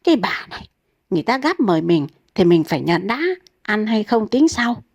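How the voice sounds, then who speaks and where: A woman's voice: medium pitch, very animated, normal speed, no room sound. A woman voicing a grumpy, stubborn elderly husband who snaps back in exasperation. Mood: irritated. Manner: snapping, exasperated retorts.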